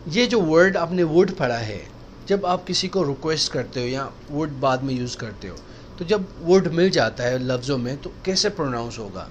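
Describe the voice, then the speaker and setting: A male teacher walks learners through pronunciation, saying each example word again and again. His pitch sits a little high and moves a lot. A faint hiss runs under the recording. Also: lively intonation, dull audio. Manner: explains slowly, repeats example words to model pronunciation. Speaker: English teacher. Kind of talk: recorded spoken-English lesson.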